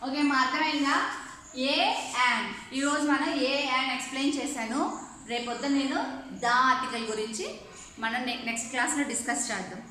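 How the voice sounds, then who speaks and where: High, bright woman teaching in an echoey room. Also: steady tone, fairly quick. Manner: explains step by step, often checking with "okay?". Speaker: English teacher. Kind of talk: online class lesson. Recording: echoey room, faint ambient noise.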